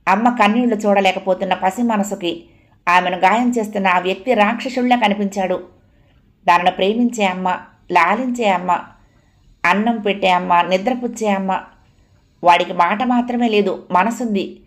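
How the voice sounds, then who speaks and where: A woman reading a novel aloud as dramatic, expressive audiobook narration. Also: medium pitch, normal speed.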